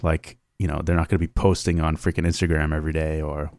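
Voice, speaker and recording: A man's voice: a bass voice, little pitch movement, fast talker, a little mellow, no echo, studio quality. A man co-hosting a podcast in laid-back, slangy casual chat, laughing often. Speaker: podcast co-host.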